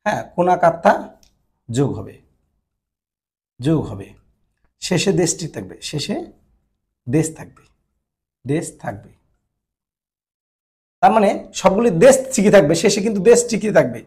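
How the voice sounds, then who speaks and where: With a high-pitched, very animated voice and a darkish tone, a Bengali-speaking man teaches Japanese grammar classroom-style at a moderate pace, pausing often. He goes over every point again and regularly checks his listeners understand.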